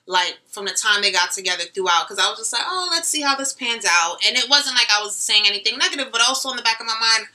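A young woman co-hosting a casual chat show, animated and slangy, laughing often. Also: a little high, racing, few pauses, rough recording. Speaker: podcast co-host.

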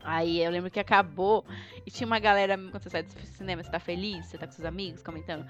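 A woman's voice: on the low side, fairly even intonation, fast, a bit bright. A woman, co-hosting a casual chat, chatty, telling anecdotes and laughing easily. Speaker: podcast co-host. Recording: dull lo-fi sound with faint music.

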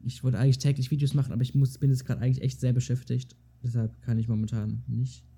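A man's voice: medium pitch, little pitch movement, fast talker, vocal fry, warm tone, husky. A man who makes videos, chatting casually over a call at a desk mic, giving dry, offhand replies and fussing over his sound. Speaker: YouTuber. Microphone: desk mic at a computer.

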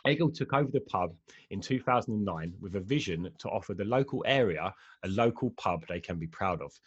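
A man hosting a podcast interview, chatty and quick to laugh, often restarting his questions. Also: sits low, expressive, husky, highs cut off. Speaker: podcast host. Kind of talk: casual interview.

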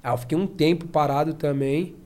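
A man, a podcast guest telling stories in a slangy, animated way. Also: fairly high pitch, fairly quick. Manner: slangy and animated, acts out his own past shouts. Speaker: podcast guest, professional fighter. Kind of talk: casual storytelling.

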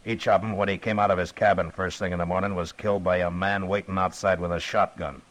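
An actor playing a calm, firm frontier marshal in a 1950s radio drama. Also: male voice, deep voice, fast talker, natural voice, rough recording. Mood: stern. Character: steady, stern frontier marshal.

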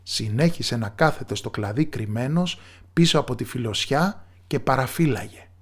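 A man's voice: expressive, breathy edge. Man narrating a fairy tale. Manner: measured storyteller's telling, dropping low in quiet moments.

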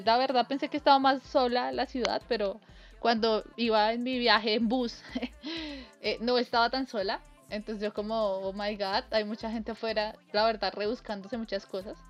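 A woman's voice: fairly high pitch, lo-fi sound. A young woman telling a casual anecdote, acting out the voices she quotes and laughing often. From Colombia. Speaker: storyteller.

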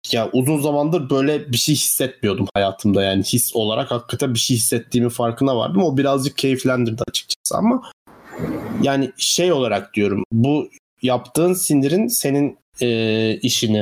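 A man's voice: mid-range voice, a little mellow. A young man co-hosting a podcast, chatting casually and rambling with lots of filler words. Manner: rambling, heavy use of fillers like "hani" and "falan". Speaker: podcast co-host. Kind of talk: casual chat.

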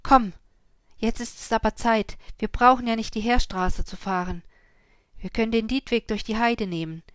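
A woman voicing a gruff, curt farmer in a storybook reading. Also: fairly high pitch, takes it slowly, no echo, studio quality, pitched above the performer's own voice. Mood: uneasy. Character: stern old farmer, grown man, uneasy.

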